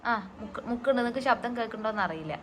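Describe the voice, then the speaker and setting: A woman's voice: on the high side, animated, racing, slight background noise. A mother chatting in a casual home vlog, cooing baby talk to her son in a mix of Malayalam and English. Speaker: mother vlogging her baby's day.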